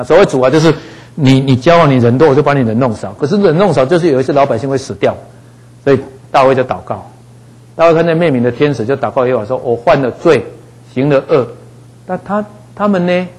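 A man teaching a Bible passage in a relaxed, conversational way, dropping frequent little fillers. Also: mid-range voice, fast talker, husky, poor audio. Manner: conversational, frequent "哈" fillers, acts out voices in quotes.

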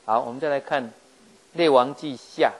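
A man's voice: mid-range voice, moderate pace. A middle-aged man with a Taiwanese Mandarin accent preaching a sermon, retelling Bible stories in a chatty, joking way and acting out the quotes. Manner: playful, chatty, jokes and acts out quotes.

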